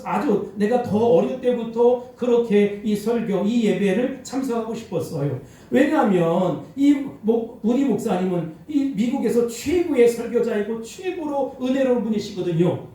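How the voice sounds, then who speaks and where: A man's voice: sits high, mellow. A man voicing an eager little boy who earnestly pleads to get into a revival meeting, told within a sermon. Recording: echoey church hall, mic at distance.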